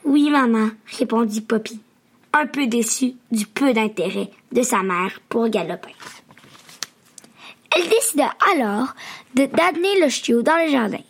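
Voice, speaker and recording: A woman reading a bedtime story to children in a gentle, expressive way. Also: a little high, measured pace, slightly rough.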